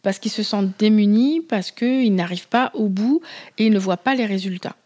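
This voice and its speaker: Woman guest, business founder; measured explanatory talk with hesitations. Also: mid-range voice, mellow. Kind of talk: casual conversational interview.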